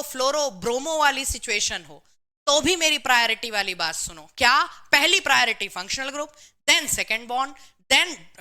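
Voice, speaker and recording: A woman's voice: sits high, pushed and bright. A woman teaching chemistry in a live online class, explaining step by step, reading out students' comments and answering them with a lot of "theek hai". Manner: says "bhai" and "theek hai" to the class often.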